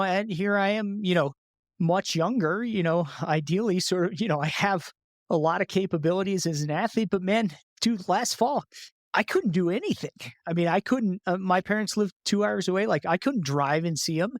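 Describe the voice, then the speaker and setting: A man's voice: high-pitched, expressive, normal speed, dry recording, studio quality. A man guest in a casual podcast interview, talking loosely with lots of filler words and easy laughs.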